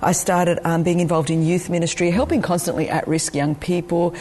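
Her voice sits on the low side with a level, dark tone, moving a little fast. This woman in her forties, a ministry leader with an Australian accent whose first language is Greek, earnestly shares her life story as a guest, personal and full of ums.

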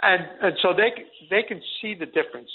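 A middle-aged man with a high-pitched voice talks briskly as an interview guest over a tinny phone line. Earnest and prone to rambling, he restarts his sentences again and again.

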